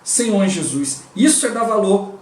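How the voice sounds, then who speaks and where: A Brazilian man with a voice that sits high for a man preaches devotionally in a relaxed, conversational style, speaking with a Brazilian Portuguese accent. He keeps interjecting quick prayers like "O Lord Jesus" along with "né," and he sounds distant from the mic in a reverberant room.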